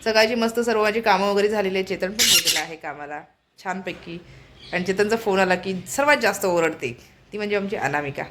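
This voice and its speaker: A woman from Konkan, Maharashtra, a family vlogger, chats at home in her kitchen, speaking directly to viewers and repeatedly urging them to look at what she's showing. Her mid-range voice is brisk, with background noise.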